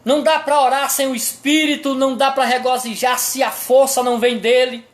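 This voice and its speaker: This Brazilian pastor's voice sits high and stays level, moving a little fast. Throughout his sermon he asks the congregation rhetorical questions and drives each point home with emphasis.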